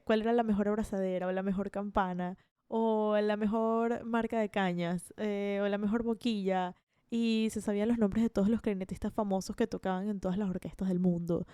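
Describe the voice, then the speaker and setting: Chatty young Venezuelan woman, mellow voice. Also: mid-range voice, clean tone, dry recording, studio quality. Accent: Venezuelan Spanish. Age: 20s. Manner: chatty, self-deprecating, frequent restarts and laughs. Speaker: podcast host. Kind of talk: casual monologue.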